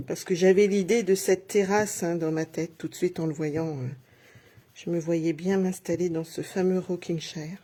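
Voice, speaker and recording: A woman's voice: on the low side, fairly even intonation, moderate pace, mellow. A middle-aged woman giving a live craft demonstration, chatting through each step and talking straight to her viewers. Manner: chatty, narrates each step while working; addresses viewers directly, self-encouraging.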